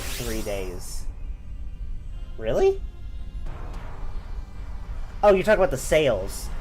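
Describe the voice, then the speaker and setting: A man in his twenties chatting casually on a gameplay livestream, rambling and laughing often as he reads chat. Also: medium pitch. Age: 20s.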